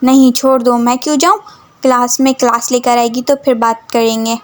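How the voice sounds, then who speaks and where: A woman's voice: on the high side, fairly even intonation, normal speed, natural voice. A woman voicing Daniyal, cheeky young student. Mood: teasing. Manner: teasing, cheeky and pestering.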